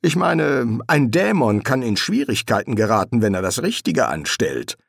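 A man's voice: mid-range voice, big pitch swings, normal speed, creaky, husky, no room sound, studio quality, voice pushed up, full character voice. A man voicing a sly, ironic male demon who needles his friend in an audiobook reading. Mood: musing.

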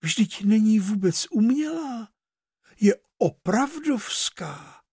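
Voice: mid-range voice, expressive, gravelly, breathy edge, no room sound, clean studio sound. The narrator of a fairy tale reading, voicing a spoiled, haughty young princess with a petulant lift in the voice.

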